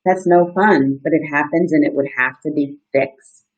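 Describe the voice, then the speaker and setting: Speaking in simple, encouraging teacher talk, an outdoor educator in her thirties reads a story to children, stopping to ask questions and explain. Her voice is deep with a breathy edge. A webcam at desk distance streams her live from a small indoor room, and the sound is muffled.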